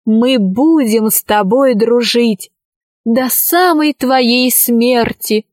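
A woman reading the part of a friendly female ghost in a storybook, with a light, gently wry voice. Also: on the high side, extremely slow, no echo, studio quality.

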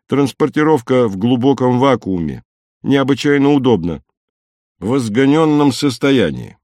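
A man voicing a calm, dutiful young rover driver who speaks matter-of-factly, in a storybook reading. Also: mid-range voice, normal speed, no echo, clean studio sound, pitched above the performer's own voice, natural voice. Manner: matter-of-fact, slightly apologetic.

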